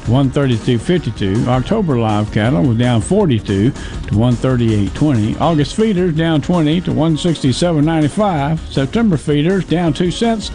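A man's voice: fairly high pitch, lively intonation, moderate pace, warm tone. A man reading a scripted radio market report, reeling off figures in a formulaic way. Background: faint music.

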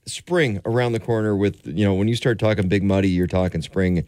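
A man's voice: lowish voice, brisk, no echo. A man hosting a local radio talk show, chatting casually and joking with his guest. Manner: joking, lively back-and-forth. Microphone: studio mic.

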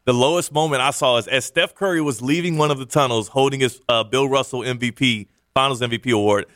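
A man co-hosting a sports talk show in a studio, emphatic and fond of playful trash talk. His voice sits at an ordinary middle pitch. The sound is close and dry. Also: fast talker, fairly bright tone, dry recording. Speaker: sports radio co-host.

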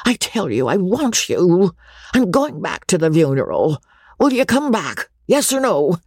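Coarse old baronet, gravelly and husky, blunt country grammar, voice climbing high and wavering as he begs, put on by a reader; dry close sound. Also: sing-song, a little slow, dry recording, exaggerated voice. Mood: demanding. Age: older. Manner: rustic ungrammatical speech, pleading.

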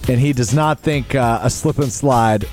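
A man's voice: mid-range voice, moderate pace, a little mellow, soft background music. A man hosting a radio segment in an upbeat, announcer-like way.

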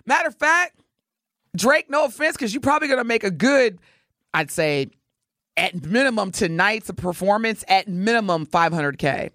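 A middle-aged woman hosting a casual morning show, talking in a playful, teasing, animated way. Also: mid-range voice, moderate pace, no echo, clean studio sound. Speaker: host.

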